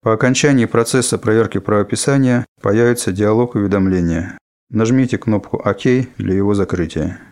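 Low-voiced man narrating a lesson. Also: a little mellow. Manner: measured, formal reading. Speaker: instructor narrating a software lesson. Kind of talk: scripted instructional narration.

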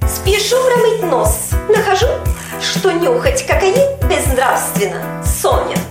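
A woman's voice: very high-pitched, big pitch swings, takes it slowly, pitched above the performer's own voice, exaggerated voice. A woman voicing a flustered, silly young woman who squeals in alarm. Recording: echoey room with music behind.

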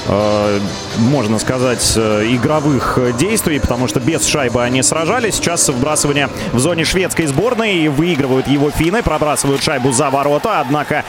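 A man giving live radio play-by-play of hockey in a measured, descriptive, detailed way. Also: mid-range voice, music in the background.

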